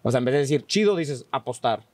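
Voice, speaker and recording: Animated man telling stories. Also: fast talker, no echo. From Monterrey, Mexico. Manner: animated, acts out quoted voices with rising pitch; frequent fillers like "¿verdad?". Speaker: guest. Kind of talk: casual conversational storytelling.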